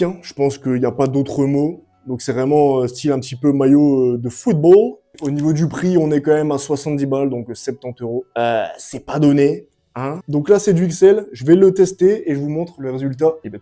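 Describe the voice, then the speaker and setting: A young man giving a casual, excitable clothing review at home, full of slang and hype. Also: fairly high pitch, normal speed, few pauses, soft background music. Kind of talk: casual product review vlog. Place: at home, sitting and standing up to show clothes.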